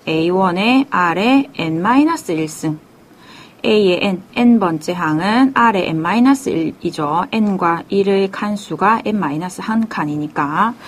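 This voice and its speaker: Woman math teacher; patient step-by-step explainer, mid-pitched, talks herself through each line. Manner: calls herself teacher, asks and answers her own questions. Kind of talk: step-by-step lecture.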